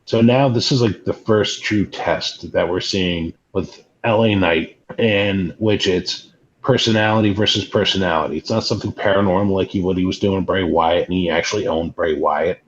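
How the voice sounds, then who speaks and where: A man co-hosting a podcast, giving casual but measured, discursive wrestling commentary. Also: deep voice, fairly even intonation. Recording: muffled lo-fi, clearly noisy background.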